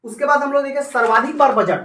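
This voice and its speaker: A man's voice: very high-pitched, quick pace, fairly bright tone. Man teacher quizzing a class, from far. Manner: repeats questions and makes students chant answers. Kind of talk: classroom lecture with call-and-response quizzing. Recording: roomy classroom recorded from far off. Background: students' voices.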